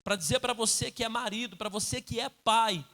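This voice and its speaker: A middle-aged man preaching as a pastor in a church, earnest and turning forceful as he exhorts, often calling the listeners "dear". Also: sits high, brisk. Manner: calls listeners "querido". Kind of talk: sermon. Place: church sanctuary.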